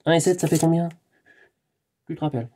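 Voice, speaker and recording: A man hosting his own channel, rambling in a live monologue to the camera, excitable and digressive, talking to himself and swearing. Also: fairly high pitch, brisk. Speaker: channel host.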